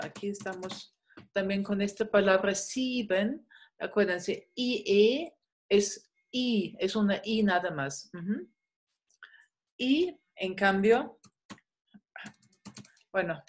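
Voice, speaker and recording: A medium-pitched woman teaches German in an online video-call class, relaxed and full of fillers, slowly modelling German sounds.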